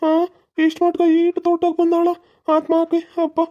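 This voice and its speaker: A jittery village husband in a cartoon, high and rustic, chattering in fear with many exclamations. A performer voices him. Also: monotone, moderate pace, dark tone, dull audio. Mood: shaken.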